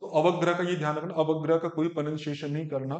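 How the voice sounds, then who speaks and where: A man teaching Sanskrit pronunciation, breaking verses into slow syllables and correcting a student as he goes. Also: fairly high pitch, level tone. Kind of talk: one-on-one pronunciation lesson. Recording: echoey room.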